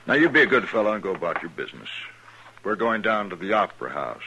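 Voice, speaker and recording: A smug gang-leader gunman sneers out mock-friendly threats. His voice is low but bright and forceful, and it carries the cocky menace of 1950s radio western acting. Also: big pitch swings, fast talker, creaky, a little hiss or hum, exaggerated voice, poor audio. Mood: sneering.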